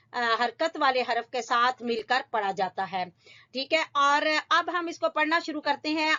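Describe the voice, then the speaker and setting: High-voiced woman teaching Quran reading. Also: a bit bright. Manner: patient, drills sounds slowly and repeats them. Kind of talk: Quran reading lesson for students. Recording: dull lo-fi home recording.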